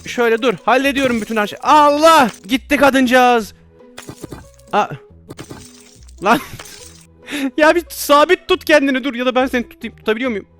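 A man's voice: very high voice, a little fast, pauses often, fairly bright tone, soft background music. A man playing a virtual reality doctor game, commenting casually and exclaiming and laughing at his own mistakes. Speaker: VR gameplay streamer.

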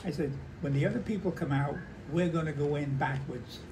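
An American man in his nineties, an old veteran remembering the past in halting, conversational stories, repeating himself and acting out remembered dialogue. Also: on the high side. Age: 90s. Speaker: war veteran interviewee. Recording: noisy handheld home recording.

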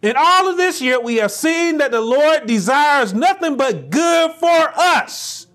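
Speaking slowly and deliberately so each phrase lands, a high-voiced pastor gives an animated sermon. On emphatic lines he rises almost to shouting, captured by a lapel mic in a small church room.

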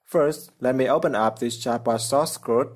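At a moderate pace and medium pitch, a man narrates a coding tutorial over a screen recording. He lays out the steps plainly, and his phrasing is simple and non-native.

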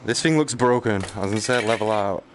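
A gaming streamer with a lowish voice talks fast, giving casual live commentary on his game while muttering and exclaiming to himself in a jokey, self-deprecating way. Game ambience and noticeable background noise fill the recording.

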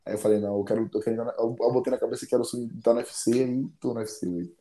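A man's voice: medium pitch, flat delivery, rapid-fire, dark tone, echoey room. A man, an MMA fighter telling stories in a casual interview, rambling and repeating phrases.

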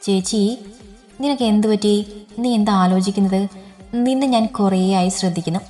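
A woman's voice: medium pitch, normal speed, mellow, faint music behind, close to an everyday voice. A woman reading the part of a curious teenage younger sister who coaxes and questions her older sister, in a storybook narration. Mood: coaxing. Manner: coaxing, questioning.

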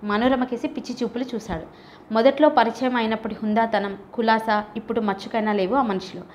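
A woman reading a novel aloud as an audiobook narrator, steady and measured. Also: on the high side, a little hiss or hum. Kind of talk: scripted narration.

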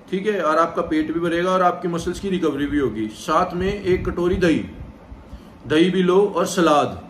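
A man in his thirties, a gym trainer, calmly talking viewers through a vegetarian meal plan from a sofa at home, checking in with them often. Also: a little high, a little hiss or hum. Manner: direct, repeats "theek hai" to check in with viewers. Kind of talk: casual instructional vlog. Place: indoor room, seated on a sofa. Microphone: far camera, no visible mic. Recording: echoey room, mic set back.

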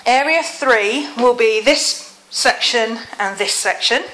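Her pitch is a little high and her pace slow, with a sharp edge to the tone and a slight wheeze from a cold. The British woman, in her thirties, is casually vlogging from rooms in her home, holding a phone or camera. The audio sounds echoey, with some noise and clicks.

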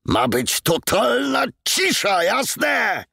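Guy reading a mean bandit boss, gravelly and raspy, barking orders. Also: very deep voice, big pitch swings, a little slow, no echo, exaggerated voice. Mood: threatening. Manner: commanding, threatening, coldly businesslike. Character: brutal menacing male bandit leader.

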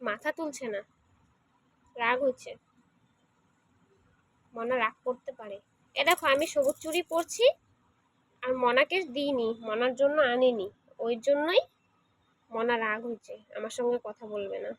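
A woman's voice: high voice, measured pace, long pauses. A woman talking to her pet in doting, coaxing baby talk. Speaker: pet owner vlogger.

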